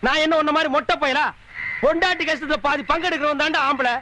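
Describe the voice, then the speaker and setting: A man's voice: extremely high pitch, steady tone, fast talker, noisy background. An actor playing a sarcastic, scolding village man in a film comedy, speaking. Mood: mocking. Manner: scolding, mocking, sarcastic retorts. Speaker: comic lead in film scenes. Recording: film soundtrack with background music.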